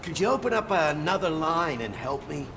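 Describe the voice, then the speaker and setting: An actor playing a harried, overworked police desk officer in a video game, flustered and pleading. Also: male voice, on the high side, animated, normal speed, background noise, lightly acted.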